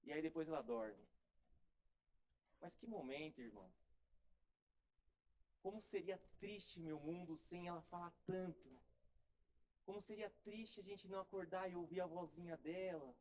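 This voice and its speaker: A high-pitched man with a Brazilian Portuguese accent, preaching a sermon in a church. He keeps it conversational, repeats his phrases and speaks straight to the congregation. He sounds to be in his forties. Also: a little slow, pauses often, darkish tone, poor audio. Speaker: pastor.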